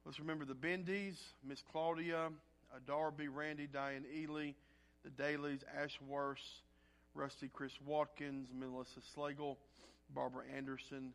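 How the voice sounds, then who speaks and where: A man with a rattly, congested throat, speaking as a pastor in a folksy, halting, conversational way as he gives informal church announcements. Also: fairly high pitch, little pitch movement, a bit bright. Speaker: pastor leading an evening church service.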